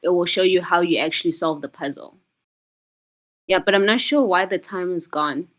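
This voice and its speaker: A woman's voice: on the low side, moderate pace. A woman game developer explaining her puzzle game in a casual chat, patiently, with many ums.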